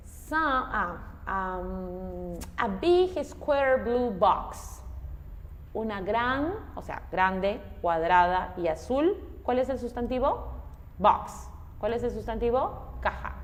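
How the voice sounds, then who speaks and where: A woman's voice: medium pitch, lively intonation, slow pace, in a large hall. A woman with a Peruvian Spanish accent teaching an English class, explaining step by step and quizzing her students. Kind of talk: classroom lesson.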